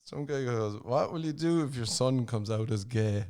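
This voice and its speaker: A podcast host runs a comedy show in casual chat, swearing freely, laughing often, and reading tweets aloud. His mid-range voice is a little mellow and moves at a moderate pace.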